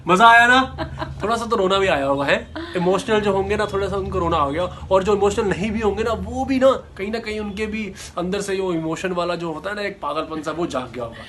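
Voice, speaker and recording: A man's voice: sits high, a little fast, a bit bright, a little hiss or hum. A man hosting his channel's outro, chatty and upbeat, coaxing viewers to like and subscribe. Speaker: channel host and actor. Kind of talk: casual video outro.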